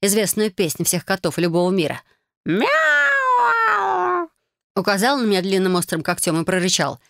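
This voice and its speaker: A woman's voice: on the low side, fast talker. Woman narrating a fairy-tale audiobook. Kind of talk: first-person fantasy audiobook narration.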